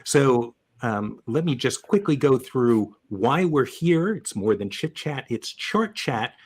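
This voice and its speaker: An upbeat man hosts a live online chat show. He introduces the show with jokes and a relaxed, conversational delivery. His voice sits at an ordinary middle pitch. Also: takes it slowly, slightly rough. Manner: upbeat, joking. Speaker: podcast host. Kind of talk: casual webcast hosting.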